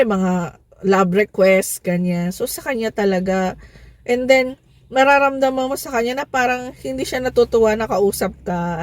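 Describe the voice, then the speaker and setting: A woman from the Philippines with a slightly high voice tells a personal story in a loose, conversational way. She is a young adult vlogger who leans on fillers and little tag questions to keep her viewers with her. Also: dry recording. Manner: chatty, fillers like "parang" and "no?". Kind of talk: casual storytelling.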